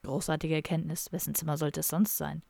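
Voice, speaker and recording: A woman doing a sardonic, low-muttering cynical young man. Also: fairly even intonation, a little fast, gravelly, a little mellow, dry recording. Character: cynical hard-drinking young man, misanthropic metalhead.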